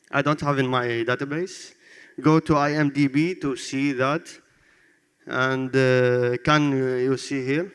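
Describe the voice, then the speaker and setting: A man's voice: on the high side, fairly bright tone, clear, resonant tone, in a large hall. A man in his twenties from Iraq with an Iraqi Arabic accent, presenting his app in broken English with short phrases and frequent laughs. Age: 20s. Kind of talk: demo presentation.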